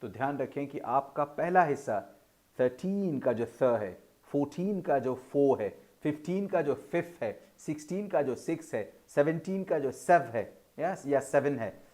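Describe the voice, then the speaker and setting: A man teaching English pronunciation in a video lesson, explaining in a formal tone with Urdu-flavoured words and slowly drawing out each example word. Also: on the high side, expressive, darkish tone. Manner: slow, drawn-out model pronunciations between explanations.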